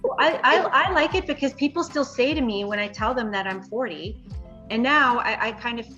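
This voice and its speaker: A woman's voice: fairly high pitch, normal speed, sharp tone, highs cut off, soft background music. A woman in her forties, a dentist hosting a podcast, chatting candidly and with self-deprecating humor. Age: 40s. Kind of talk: casual panel chat.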